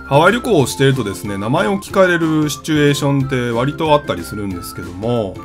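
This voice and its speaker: A man talks to his viewers as a travel vlog host, his pitch moving up and down freely. He explains in a relaxed, chatty way and fills pauses with small hesitations. Faint music plays behind him. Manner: chatty, conversational with frequent fillers. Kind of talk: casual explanatory vlog talk.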